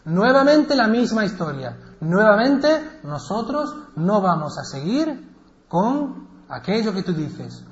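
A man with a Spain Spanish accent telling a religious story as a lesson, lively and animated, with asides to his listeners. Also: on the high side, reverberant, muffled recording, slight background noise.

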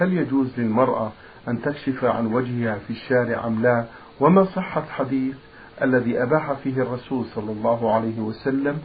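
A man hosts a radio programme in formal Standard Arabic, reading questions at a quick clip with polite deference. His mid-range voice comes through a thin, phone-like band with faint noise behind it. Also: medium pitch. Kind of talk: formal broadcast presenting, reading out listeners' questions.

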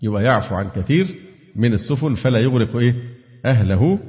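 A man's voice: medium pitch, animated, fast. Egyptian male teacher, Quran commentary lesson, asks and answers his own questions, dull lo-fi sound, long hall echo. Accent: Egyptian Arabic. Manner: asks students questions and answers them himself.

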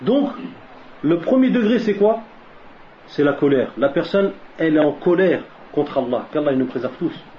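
A preacher gives a religious lesson in French, asking questions and answering them himself, mixing in Arabic religious phrases and repeating key lines for emphasis. His voice is fairly high with lively intonation and a moderate pace. The recording is dull and lo-fi with faint noise.

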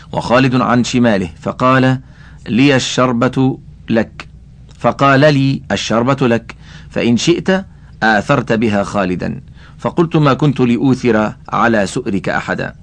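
A man reading a classical religious text aloud as an audiobook, adding commentary and carefully spelling out how names are voweled. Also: fairly low pitch. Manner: addresses the listener directly. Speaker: audiobook reader.

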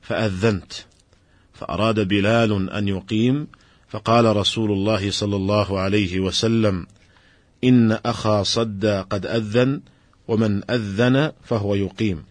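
A man giving a formal religious lesson, explaining rulings in a measured, explanatory way and addressing his listeners directly. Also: fairly low pitch, steady tone, no echo. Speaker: Islamic scholar giving a lecture.

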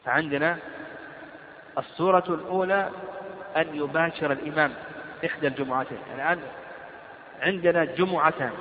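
Lecturing man in a roomy hall. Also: a little high. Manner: slow, repeating points and reading the text aloud. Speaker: teacher of Islamic law. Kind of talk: lecture explaining a legal text. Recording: roomy hall over a tinny line with crowd noise.

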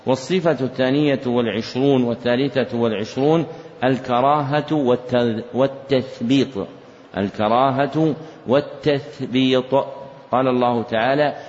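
A male religious teacher dictating a lesson on a text, repeating each phrase slowly so students can write, and chanting the verses he quotes. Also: mid-range voice, steady tone, a little mellow. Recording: dull lo-fi recording in a reverberant hall.

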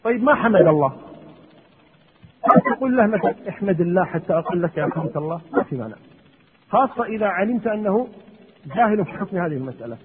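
Husky high-voiced man teaching in a hall. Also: sing-song, fast talker, long pauses. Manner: asks questions and answers them himself. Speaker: Islamic teacher. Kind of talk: religious lesson. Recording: muffled lo-fi with long hall echo.

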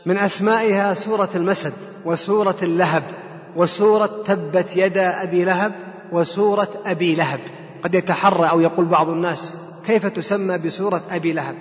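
High-voiced man lecturing in an echoey hall. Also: fairly even intonation, brisk. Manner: explanatory, poses questions to the audience and then answers them. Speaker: Quran teacher. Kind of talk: lecture explaining scripture. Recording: echoey hall, dull lo-fi sound.

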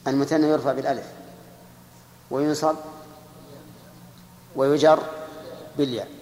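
A man's voice: mid-range voice, fairly even intonation, a little mellow. Man teaching in an echoey hall. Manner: slows down to dictate quoted verses and examples; asks the class questions and repeats key points. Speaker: grammar teacher. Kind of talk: classroom lesson explaining verse text. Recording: echoey hall with long reverb.

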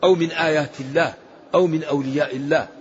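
Racing along in a slightly high, fairly even voice, a religious scholar delivers Quran commentary, emphatic and rising sharply as he recites verses. The recording is dull and lo-fi, with a faint hiss.

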